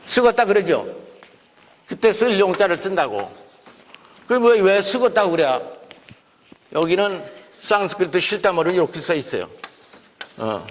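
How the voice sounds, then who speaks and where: A man with a high voice gives an invited lecture, driving his points home with emphatic rhetorical questions. The sound carries a long reverb from a lecture hall. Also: sing-song, normal speed, pauses often. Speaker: guest lecturer.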